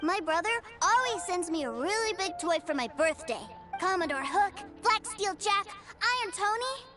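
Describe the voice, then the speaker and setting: Over game music, a woman voices a restless, naive little boy in a video game. Her voice is very high and expressive at a moderate pace, and she sounds eager, wide-eyed and childlike.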